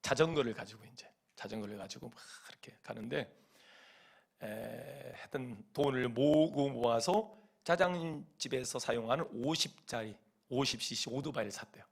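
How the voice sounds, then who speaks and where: Gravelly, animated male pastor. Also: medium pitch, normal speed. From Chungcheong, Korea. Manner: animated storytelling, mimics voices and hums folk song lines. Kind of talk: sermon. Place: church sanctuary.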